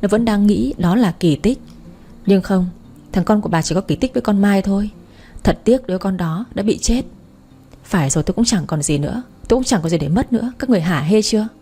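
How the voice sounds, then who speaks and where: A woman's voice: medium pitch, expressive, brisk, mellow, slightly rough. A woman reading an audiobook, voicing a spiteful, hysterical young woman hurling bitter accusations.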